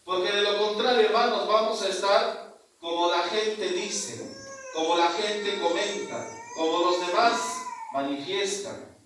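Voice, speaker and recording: High-voiced priest giving a sermon, lots of "right?" tags, booming echo in a big church, mic far off. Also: male voice, measured pace, noisy background. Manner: rhetorical questions with frequent tag questions. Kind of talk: sermon at mass. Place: large church.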